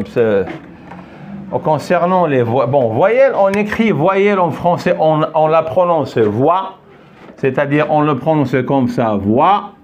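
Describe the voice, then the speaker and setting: An older man leads a pronunciation lesson at an unhurried pace, repeating key words and checking in with his pupils. His voice sits somewhat high and swings widely in pitch as he stresses each syllable. He praises and questions a young pupil along the way. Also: lo-fi sound, a little hiss or hum. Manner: patient, repeats himself, checks understanding often. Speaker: French teacher. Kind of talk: recorded French pronunciation lesson.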